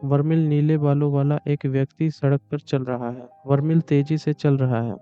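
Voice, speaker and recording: A man narrating a comic story recap in a smooth, resonant voice that stays flat and level throughout. The recording is slightly dull and lo-fi, with music playing softly behind him. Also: fairly high pitch, normal speed.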